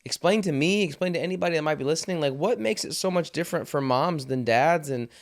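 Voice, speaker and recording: A man's voice: fairly high pitch, lively intonation, quick pace. A man in his thirties hosting a casual podcast with his wife, rambling with lots of fillers and swearing freely. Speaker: podcast host.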